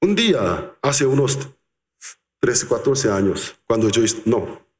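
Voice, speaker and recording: Pastor preaching in echoing hall. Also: male voice, medium pitch, sing-song. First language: Korean. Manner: slow, emphatic preaching with drawn-out words. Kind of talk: sermon. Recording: reverberant church hall.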